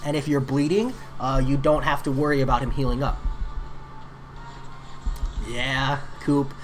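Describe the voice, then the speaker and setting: A male streamer keeps up casual, chatty commentary during a mobile game, answering chat viewers as he goes. His medium-pitched voice is steady and measured but getting worn, and faint music plays behind it.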